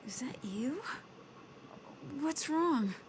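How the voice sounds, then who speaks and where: An actress voicing a young skeptical woman detective who answers calmly and with dry humor. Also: sits high, very slow, background noise, full character voice. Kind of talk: video game voice acting.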